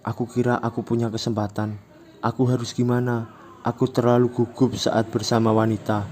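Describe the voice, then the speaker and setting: A hapless young man from a comic story who gets flustered around women, voiced high and straining, as a man puts him on. His lines pile up in a pleading, panicky rush. The pitch sits well above a man's normal voice. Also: flat delivery, moderate pace, darkish tone, a little hiss or hum, close to an everyday voice. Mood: despairing.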